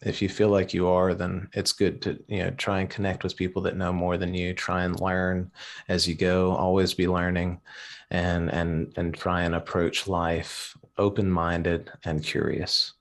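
A man who is a guest on a live-streamed podcast, talking in a laid-back, halting way with many fillers. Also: sits low, monotone. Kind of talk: casual live-stream chat.

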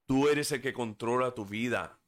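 A man with a medium-pitched voice and moderate pace hosts a casual solo podcast on a desk microphone. He's earnest and preachy, stumbling over words now and then and drifting into English fillers.

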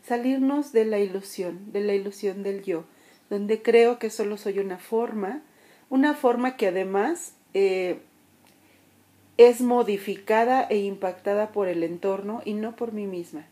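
Warm-voiced woman giving a motivational talk. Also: medium pitch, measured pace. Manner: earnest and coaching, speaks directly to the listener; acts out everyday voices in her examples. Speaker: motivational speaker.

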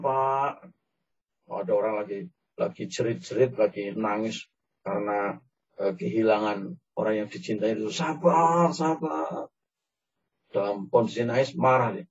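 A man giving a lively religious talk to a congregation, breaking into acted quotes and English words. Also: on the low side, breathy edge. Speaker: preacher. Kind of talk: Islamic sermon to a live audience. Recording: dull, distant mic.

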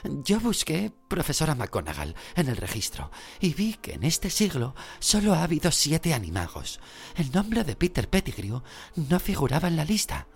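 A man voicing a clever teenage schoolgirl witch who speaks in a high, quick, earnest lecturing way. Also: wildly swooping pitch, creaky, exaggerated voice.

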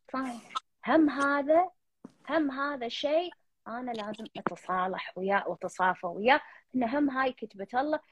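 A woman's voice: on the high side, breathy edge, no room sound. A woman host with a Gulf Arabic accent counseling a caller in earnest, repetitive talk, slipping English fillers in. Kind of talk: counseling call-in chat. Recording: dull lo-fi dry sound.

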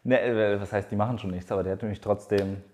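Young male co-host, lowish pitch, relaxed and conversational. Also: fast. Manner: relaxed, chiming in with short agreements. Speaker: podcast co-host. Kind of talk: casual chat.

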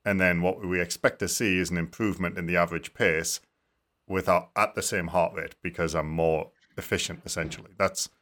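A man's voice: sits low, fairly even intonation, brisk, fairly bright tone. A man hosting a podcast, chatty and curious, laughing easily while asking questions. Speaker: podcast host. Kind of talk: casual podcast interview.

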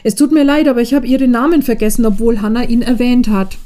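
A woman reading a secretive young man's lines in her own mellow voice, calm and dryly teasing. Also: a little high, quick pace, lightly acted.

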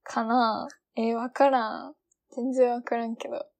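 A woman's voice: a little high, level tone, a little slow, a little mellow. A young woman with a Kansai accent co-hosting a podcast, chatting casually and laughing often. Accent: Kansai Japanese. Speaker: podcast co-host. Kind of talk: casual chat.

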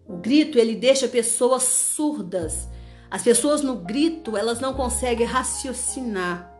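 A woman delivers a fervent sermon, driving her points home through repetition and sharp commands. Her voice sits a little high. Faint instrumental music plays underneath. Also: animated, a little slow. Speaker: preacher.

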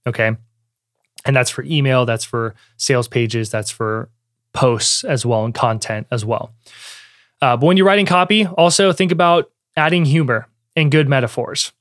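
A man's voice: medium pitch, moderate pace, fairly bright tone, no room sound, studio quality. A young adult man giving a casual, conversational teaching talk, with frequent fillers and restarts. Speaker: online business teacher.

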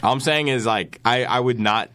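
A man's voice: mid-range voice, normal speed, a bit bright, clean tone. A young man co-hosting a college radio morning show, joking in a playful, slangy way and acting out little quotes. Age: young adult. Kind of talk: casual chat.

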